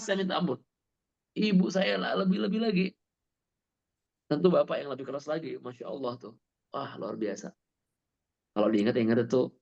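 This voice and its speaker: A man giving a talk as a parenting coach, emphatic, asking rhetorical questions and answering them himself. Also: fairly high pitch. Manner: emphatic, asks and answers his own questions. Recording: dull lo-fi sound.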